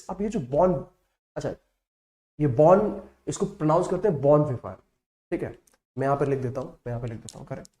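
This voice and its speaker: A man teaching vocabulary in a slightly high, mellow voice. He explains slowly and keeps asking "right?" and "correct?" to check that his students follow. The sound comes from an echoey room. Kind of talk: Hindi-English online lesson.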